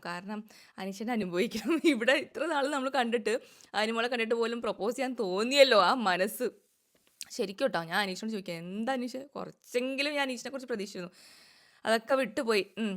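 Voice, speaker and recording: A woman delivers quick, opinionated commentary on a reality show. Her voice sits a little high and the words tumble out at a rapid clip. It sounds like casual chat straight to her viewers. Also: a bit bright.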